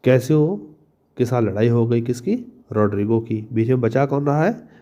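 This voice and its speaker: This male teacher works through a play line by line, slowly reading the English and explaining it in Hindi. He speaks in a mid-range, expressive, mellow voice on a muffled recording.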